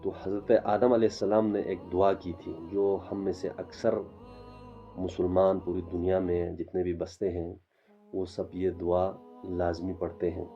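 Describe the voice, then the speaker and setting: Man, low and level, self-taught religious lecturer, halting with fillers, dull lo-fi audio, faint music under. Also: little pitch movement. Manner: halting, with frequent fillers and restarts. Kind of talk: informal religious lecture vlog.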